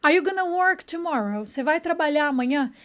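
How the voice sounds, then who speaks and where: An animated English teacher with a high, bright voice gives an online lesson, regularly checking in with her listeners. She slows down each time she models an English phrase.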